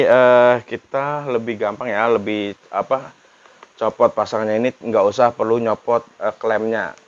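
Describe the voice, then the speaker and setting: This vlogger's voice sits on the low side, and the audio sounds dull. He talks loosely to his viewers about motorcycle helmet intercoms, going over the same points again.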